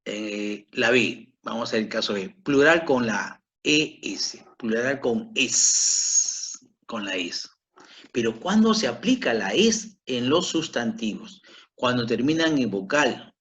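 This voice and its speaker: A man's voice: mid-range voice, lively intonation, a bit bright. A middle-aged man teaching a grammar lesson, repeating himself and checking in with his listeners as he goes. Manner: slow, repetitive, checks in with "¿ok?". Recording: dull lo-fi recording.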